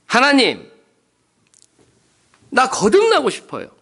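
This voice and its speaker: Casting: young deaconess, played by a male preacher, earnest, pleading prayer, high bright voice. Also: wildly swooping pitch, slow, husky, full character voice. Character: young woman deacon praying desperately.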